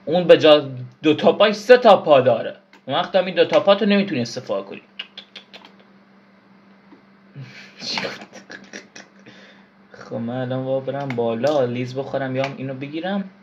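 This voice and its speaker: A man's voice: mid-range voice, pauses often, highs cut off, a little hiss or hum. A man giving casual gameplay commentary, frustrated, swearing and yelping at the game. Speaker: gaming YouTuber.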